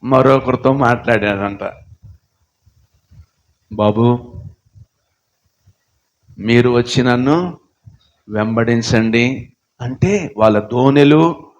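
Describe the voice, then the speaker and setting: A man preaching a sermon, dropping to low murmurs and rising to shouted appeals, with strings of repeated rhetorical questions.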